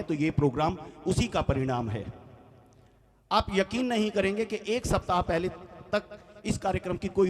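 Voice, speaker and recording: A man hosting a live devotional concert on stage, rousing the crowd into chants and applause. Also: a little high. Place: large auditorium, live event. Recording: long hall reverb from live auditorium.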